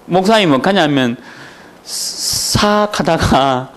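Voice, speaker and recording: A man's voice: fairly high pitch, animated, slow, a bit bright. A man pastor from Daegu with a Gyeongsang accent, preaching a sermon at a church training session in a joking, storytelling way with chuckles. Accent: Daegu Gyeongsang dialect. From Daegu, South Korea.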